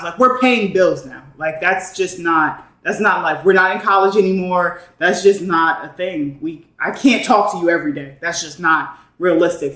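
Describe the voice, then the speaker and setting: A woman co-hosting a podcast, chatting casually, repeating herself and laughing easily. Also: on the low side. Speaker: podcast co-host. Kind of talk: casual chat. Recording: roomy echo.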